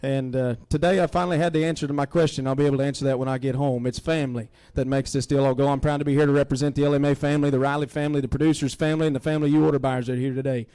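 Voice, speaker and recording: A man's voice: medium pitch, steady tone, rapid-fire, few pauses, mellow, clean tone. A man, giving an earnest introductory speech as an auctioneer contestant into a stand microphone. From Oklahoma, United States. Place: indoor livestock auction arena. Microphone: stand microphone, close to mouth.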